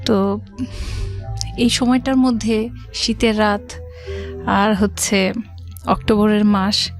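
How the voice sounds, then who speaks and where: Speaking slowly with fairly even intonation, this middle-aged guest from Rajshahi, Bangladesh, recounts her life in a radio studio as music plays behind her. Her voice is mid-range, and she talks conversationally, going back over and rewording her points.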